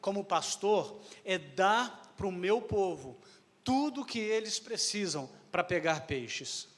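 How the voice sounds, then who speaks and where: Man, live sermon interpreter, high voice, hesitant with fillers and restarts, long reverb. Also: expressive, slow, fairly bright tone. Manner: hesitant, with fillers and self-corrections. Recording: echoey hall with long reverb.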